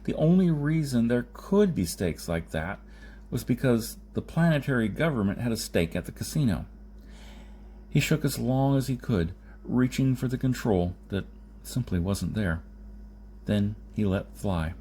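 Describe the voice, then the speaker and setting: With a dark tone and an expressive, unhurried delivery, a man reads scripted sci-fi audiobook narration in a mid-range voice. He occasionally trips over a phrase, and background noise is noticeable throughout.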